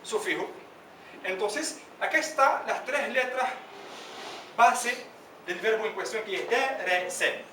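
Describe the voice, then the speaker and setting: A male teacher with a high, bright voice leads an Arabic class, drilling pronunciation and calling on students. He is picked up from a distance in an echoey classroom with faint background noise. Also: animated. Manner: asks students questions by name, drills pronunciation slowly. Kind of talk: classroom lesson.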